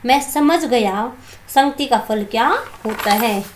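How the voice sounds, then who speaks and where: A woman's voice: fairly high pitch, slow pace, echoey room. A woman reading the lines of a curious, polite king in a plain storybook voice.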